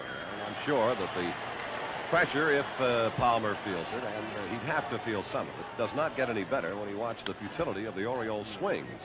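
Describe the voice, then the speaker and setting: A man calling baseball play-by-play in a classic, measured announcer style, on old 1970s broadcast audio. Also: mid-range voice. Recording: dull, noisy vintage 1970s broadcast audio. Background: loud stadium ambience and noise.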